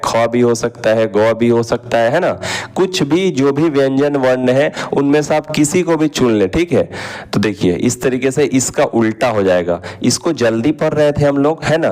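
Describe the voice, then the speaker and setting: A patient man walks viewers through vowel signs as he writes, talking at an everyday pitch. He keeps checking in with them, and he slows down and stretches the sounds he wants them to catch. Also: darkish tone. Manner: patient, repeats "ठीक है" and "दोस्तों" often. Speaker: Hindi teacher. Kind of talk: explaining while writing on a board.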